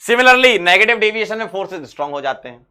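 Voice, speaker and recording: Bright, lively chemistry teacher. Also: male voice, high-pitched, quick pace, clean tone. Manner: lively, repeats key phrases, asks and answers his own questions. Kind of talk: exam-prep chemistry lesson.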